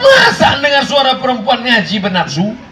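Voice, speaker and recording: A man's voice: very high voice, wildly swooping pitch, moderate pace, background noise. A man preaching a humorous sermon to a live congregation, telling jokey stories and acting out voices. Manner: jokey storytelling, acts out voices and sings snatches of songs. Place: large hall with congregation. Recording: roomy, distant live recording with crowd. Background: congregation laughing.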